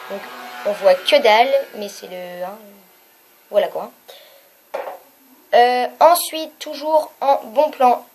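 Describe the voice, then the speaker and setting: A young woman talks through her makeup picks in a relaxed, chatty vlog. She hesitates often and fills gaps with fillers. Her pitch sits in a middle range, and she speaks into a camera mic. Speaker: beauty vlogger. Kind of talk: casual product review.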